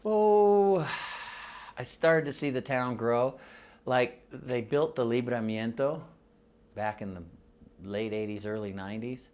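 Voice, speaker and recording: A man's voice: mid-range voice, slow pace, darkish tone, clean tone. Man in his sixties reminiscing casually. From US and Mexico. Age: 60s. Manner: rambling, laughs often, frequent restarts. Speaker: musician interviewee. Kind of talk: casual oral-history storytelling.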